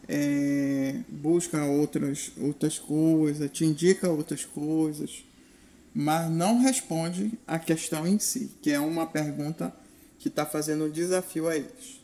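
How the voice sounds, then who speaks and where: A man's voice: on the high side, fairly even intonation, unhurried, warm tone. A man, giving a direct, instructive video lesson to the viewer. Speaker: religious teacher.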